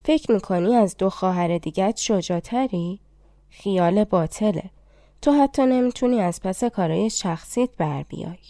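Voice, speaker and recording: A woman's voice: mid-range voice, dark tone, no room sound, studio quality, lightly acted. A woman voicing an old king who mocks and doubts his youngest daughter. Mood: mocking. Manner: teasing, scornful.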